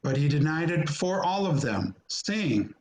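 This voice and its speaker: A man narrating scripture from a script in a deliberate, solemn manner. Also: a little high, very animated, a little mellow, low-quality recording. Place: remote recording on a video call. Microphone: video call.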